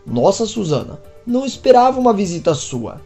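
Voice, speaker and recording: A woman voicing a gentle, caring man who speaks in a soothing, concerned way. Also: medium pitch, very animated, fairly quick, slightly rough, soft background music.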